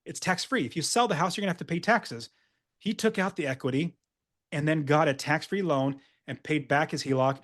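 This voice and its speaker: A man coaching real estate investors in an upbeat, emphatic webinar sales presentation. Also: on the high side.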